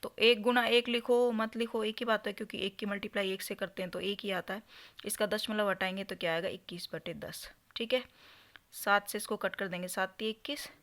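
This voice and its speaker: A woman's voice: mid-range voice, a bit bright. Patient woman maths teacher. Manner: patient, step-by-step, asks and answers her own questions. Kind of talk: explaining a solved exam problem.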